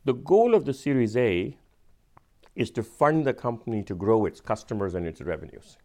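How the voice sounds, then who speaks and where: A man with an Indian accent, a venture capitalist, explaining things patiently and with measured emphasis in casual conversation. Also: mid-range voice, expressive, warm tone.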